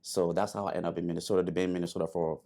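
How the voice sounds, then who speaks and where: A man's voice: low voice, level tone, racing, dark tone. A man, a guest telling his story in an interview, hesitant with many fillers and restarts. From Liberia. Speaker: guest, airman.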